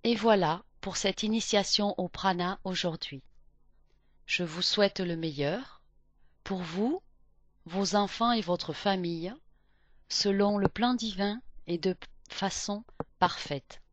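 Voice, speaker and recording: A woman narrating a scripted spiritual lesson and guided meditation in a gentle, measured, deliberate way. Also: mid-range voice, no echo.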